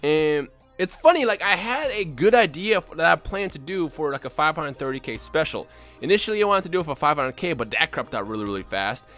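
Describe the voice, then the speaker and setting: A young man from Bosnia, a YouTuber talking unscripted to his viewers in an excitable, rambling way with lots of restarts. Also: fairly high pitch, brisk, soft background music. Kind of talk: unscripted casual vlog talk.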